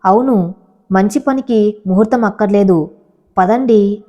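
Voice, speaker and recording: A woman voicing a calm, gently firm young village wife, with a dark, mellow voice. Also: medium pitch, unhurried, lo-fi sound, lightly acted.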